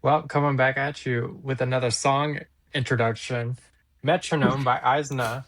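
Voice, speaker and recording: Relaxed male podcast co-host. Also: medium pitch, moderate pace, dry recording. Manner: relaxed, laughs easily, hesitant fillers. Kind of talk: casual chat reviewing songs.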